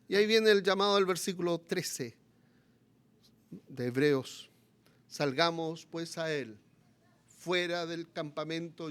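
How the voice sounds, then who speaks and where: Preaching as a pastor, a Chilean-accented man moves back and forth from quiet, low stretches to loud, impassioned appeals.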